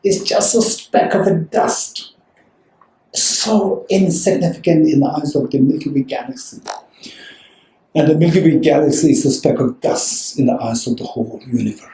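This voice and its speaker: A man's voice: fairly high pitch, normal speed, warm tone, a little hiss or hum. A man teaching as a Buddhist teacher to a live audience, talking conversationally, checking in with the room and repeating phrases for emphasis. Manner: conversational, checks in often with "right?" and "okay". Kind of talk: dharma talk to a live audience. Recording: roomy echo.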